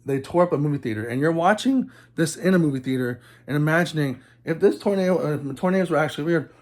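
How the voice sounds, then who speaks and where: A man's voice: on the high side, fast talker. A man from Texas giving a casual, rambling movie review for his channel, with lots of ums and restarts. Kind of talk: casual film review vlog.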